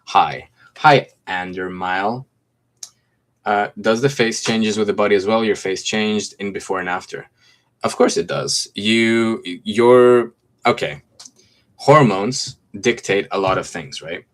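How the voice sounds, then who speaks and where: His voice deep and low, with a slight American accent, a Greek twenty-something talks a little slowly as he answers viewer comments one by one on a phone livestream. The chat is relaxed and chatty, and he reads each comment aloud from a mint-green-walled room at home.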